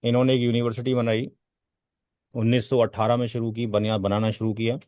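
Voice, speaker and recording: A man's voice: medium pitch, little pitch movement, fairly quick, a little mellow, dry recording. A man teaching a networking class in a lecture style, drifting off topic, repeating words for emphasis and asking his students rhetorical questions. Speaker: networking trainer.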